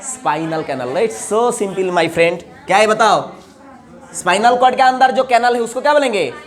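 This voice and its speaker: High-voiced man teaching biology. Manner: quizzes students and answers his own questions, drawn-out emphasized terms; spells out terms letter by letter. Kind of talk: chalk-and-talk lesson with call-and-response questions.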